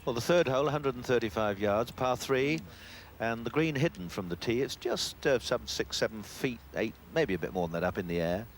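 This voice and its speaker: A man giving live golf commentary in an unhurried, conversational way. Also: medium pitch, lively intonation. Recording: clear outdoor background noise.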